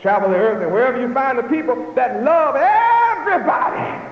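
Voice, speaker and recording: A man preaching a fiery sermon to a gathered audience, pressing his points with rhetorical questions and bursts of shouting. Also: extremely high pitch, lively intonation, normal speed. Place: hall with a live audience. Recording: echoey hall, dull lo-fi, noisy.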